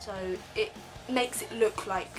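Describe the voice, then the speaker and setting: A woman's voice: medium pitch, steady tone, slow, music in the background, low-quality recording. A teenage girl ranting casually in a vlog from her bed, rambling with lots of ums. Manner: rambling, filler-heavy, frequent ums. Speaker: vlogger.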